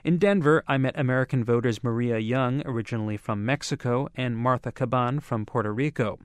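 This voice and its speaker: A man's voice: mid-range voice, fairly quick, smooth, no room sound, clean studio sound. A man reporting a scripted radio news feature in a wry, conversational way. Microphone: studio mic.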